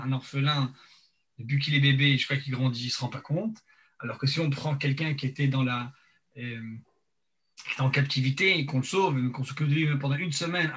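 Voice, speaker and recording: A man teaching an informal religious lesson, speaking haltingly and searching for words, his mouth half numb from dental anaesthetic. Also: medium pitch, a bit bright. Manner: hesitant, repeats and searches for words.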